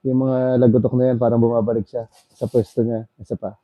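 A man's voice: medium pitch, brisk, no echo, muffled recording. Dry-voiced man coaxing a massage client. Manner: coaxing, repeats calm instructions. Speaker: traditional bone setter. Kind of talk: guiding a client through a massage.

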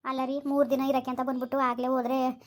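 An actress playing a gentle young newlywed wife who pleads softly in a village family drama. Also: female voice, high voice, monotone, fast talker, lightly acted. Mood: pleading. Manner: soft, pleading. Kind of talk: everyday village drama acting.

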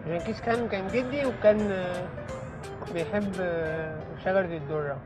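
A man's voice: sits high, moderate pace. A man with an Egyptian accent playing a prankster taxi driver, joking and rambling nonsense with a straight face inside a taxi. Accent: Egyptian Arabic. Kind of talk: hidden-camera prank banter. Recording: loud music over the voice.

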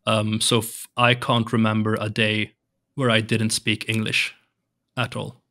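A young Swedish man, Swedish his first language, is a guest in a casual English interview chat, sounding hesitant and restarting often. His lowish voice is completely flat, a little slow and sharp in tone, recorded on a large arm-mounted studio mic with headphones in a home room with shelves and colored lights.

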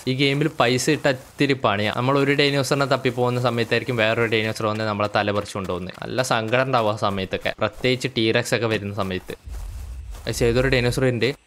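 A man with a Malayali accent giving casual, joking commentary on a game he is playing, breaking into loud excited yelling when the action heats up. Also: medium pitch, a little fast, a little hiss or hum. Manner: chatty and joking, bursts into loud excited yelling during fights. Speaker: gaming channel host.

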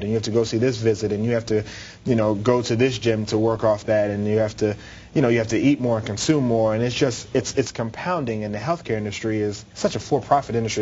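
A man's voice: medium pitch, a little mellow, highs cut off. A young man answering as an interview guest in a TV studio, articulate and explanatory. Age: young adult. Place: TV studio with red curtains. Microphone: lapel mic.

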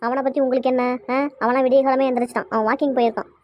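A woman voicing a bossy, quick-tempered mother in a cartoon, scolding nonstop, with a Kanyakumari Tamil accent. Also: sits high, level tone, lo-fi sound, close to an everyday voice. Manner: scolding, rapid-fire.

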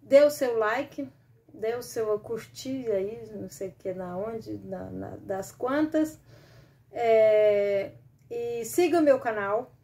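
A middle-aged Brazilian woman hosts a casual sewing live stream from a small room at home, talking close to her webcam or laptop camera. She's chatty and rambling, with many restarts, and her voice is mellow, on the high side, and slow.

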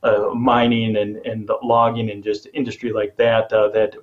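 A man's voice: fairly low pitch, level tone, normal speed. A man in his thirties, a radio news editor, explaining conversationally from a small studio over a video call. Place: home office studio. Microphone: studio mic on boom. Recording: slightly dull call audio.

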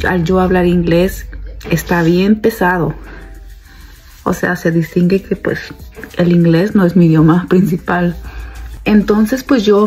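Her voice sits on the low side, warm with a breathy edge. She's a stay-at-home mom in her thirties, casually talking to viewers she calls "girls" through a phone held at arm's length, moving between her kitchen and bedroom.

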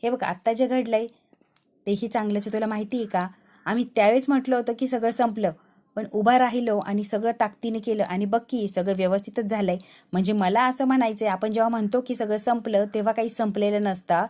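A woman voicing a cheerful young woman who calmly encourages a friend not to lose hope. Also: mid-range voice, a little fast, lightly acted. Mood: reassuring. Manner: soothing, encouraging.

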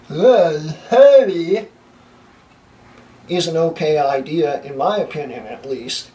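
Here a young man's tech vlog bloopers play out as he stumbles through retakes, laughs at his mistakes, and loses his voice, flustered all the while. He speaks slowly, his voice on the high side and mellow. The camera mic sits a few feet off in a small home room full of computers, leaving a faint hiss.

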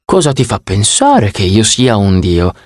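A man's voice: fairly low pitch, big pitch swings, a little slow, dry recording, studio quality. A man voicing a vain, flashy young male god who talks in a theatrical, preening way and startles easily, for an audiobook. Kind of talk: audiobook character voice.

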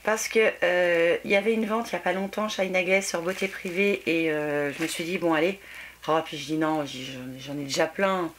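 A woman with a French accent chatting casually as she unboxes a gift parcel on her beauty vlog, exclaiming often and filling pauses with "euh". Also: fairly low pitch, fairly even intonation, fairly bright tone, a little hiss or hum. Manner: chatty, exclaiming, many fillers. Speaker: beauty vlogger.

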